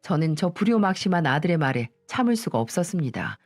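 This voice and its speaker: A woman's voice: lowish voice, sing-song, fast, darkish tone, no room sound. An older woman narrating her own story on story radio, indignant, turning to speak to her listeners directly, in a dry recording with faint music.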